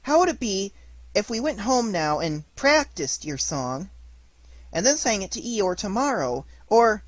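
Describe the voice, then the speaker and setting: A storyteller putting on a tiny, anxious piglet, pitched well up and squeaky compared with the reader's own voice. The talk is hesitant and timid, with a wide, fluttery range, heard close and dry. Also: sing-song, measured pace, no room sound, heavily acted. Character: small timid young piglet, anxious and earnest. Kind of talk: storybook reading.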